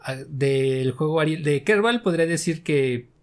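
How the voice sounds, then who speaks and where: A man's voice: a little high, normal speed. A man with a Mexican Spanish accent, a game developer talking casually and laughing easily in an interview. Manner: relaxed, chatty, frequent fillers and laughs.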